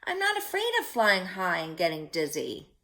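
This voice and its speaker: A woman's voice: on the low side, wildly swooping pitch, moderate pace, bright, forceful tone, heavily acted. A woman voicing a small, frightened young boy turtle in a storybook, polite and plaintive as he asks and answers. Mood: firm refusal.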